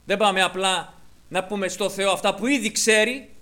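A man preaching a sermon, rising to fervent raised passages and dropping to hushed near-whispers, acting out quoted voices as he goes. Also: high voice.

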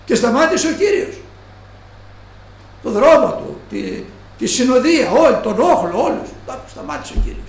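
High, lively male preacher, echoey room. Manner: slow, stressed quoting of scripture. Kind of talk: sermon.

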